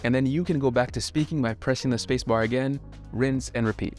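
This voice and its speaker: A man hosting a video, giving a clear scripted tutorial narration that explains each step in order. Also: mid-range voice, a little fast, over music. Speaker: video host.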